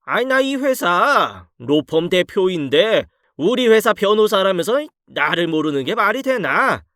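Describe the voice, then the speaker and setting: Storybook drama: a man as a haughty middle-aged firm boss scolding an impostor, high and animated. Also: a little slow, no room sound, clean studio sound, heavily acted. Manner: lecturing, scolding.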